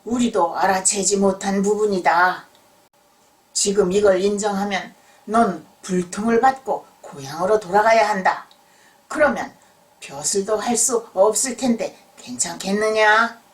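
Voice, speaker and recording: A woman storyteller voicing a stern, commanding male exam official of old Joseon in loud, formal speech for a children's tale. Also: on the high side, fairly even intonation, slow, recorded from a distance. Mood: stern, questioning. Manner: formal, authoritative archaic speech.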